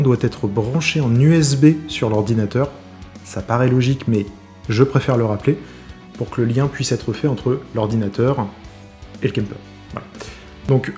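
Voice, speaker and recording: A man's voice: medium pitch, mellow. Chatty man explaining a guitar tutorial. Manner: chatty, many fillers and self-corrections. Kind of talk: casual screen-recorded tutorial.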